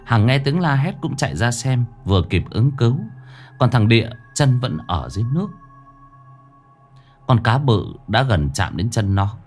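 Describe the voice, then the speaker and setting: A man telling a first-person ghost story in a lively, dramatic way. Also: mid-range voice, normal speed. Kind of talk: scripted ghost story narration. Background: faint music.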